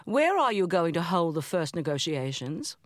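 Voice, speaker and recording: A polite TV interviewer, formal, dry studio sound. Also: female voice, fairly low pitch, sing-song, moderate pace, no echo. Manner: formal and courteous. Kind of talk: scripted dialogue for a language lesson.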